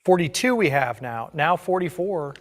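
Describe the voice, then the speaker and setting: A man's voice: on the high side, lively intonation, normal speed. A man working as an auctioneer, calling bids in a repetitive chant of numbers and increments.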